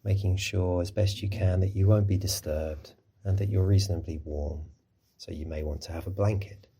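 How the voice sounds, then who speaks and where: This guided body scan meditation is led by a man whose low voice carries a gentle husky edge. Unhurried and soothing, he delivers every instruction in a dark, relaxed tone, much like a mindfulness teacher.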